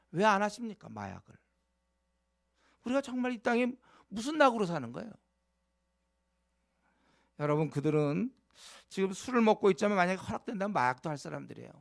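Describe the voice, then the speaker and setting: A man's voice: high-pitched, gravelly, no echo. A man preaches a sermon in a slightly raised voice. He urges his listeners earnestly, often stopping on fillers and asking them direct questions. The sound is close and dry, with no room around it. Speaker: pastor.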